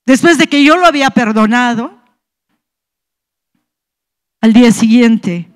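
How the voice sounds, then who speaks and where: A woman's voice: fairly high pitch, unhurried. Impassioned Peruvian woman giving church testimony. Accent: Peruvian Spanish. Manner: impassioned, storytelling with rising emotion. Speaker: pastor's wife giving testimony.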